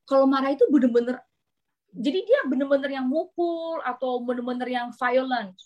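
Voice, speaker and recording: A woman pediatrician from Indonesia chatting in an interview, telling animated stories about her patients and mixing in English terms. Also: sits high, normal speed, lo-fi sound. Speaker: pediatrician guest. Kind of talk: casual interview chat.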